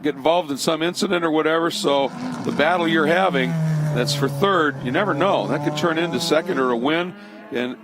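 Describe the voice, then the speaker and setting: A man's voice: a little high, fairly quick. A man doing live motorsport commentary in a colloquial, exclamatory way. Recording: clear engine noise behind voice.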